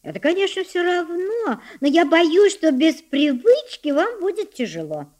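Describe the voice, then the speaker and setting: A shy, kind-hearted young girl, voiced by a woman reader, speaking hesitantly and gently. Her voice sits notably high and lively. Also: measured pace, full character voice.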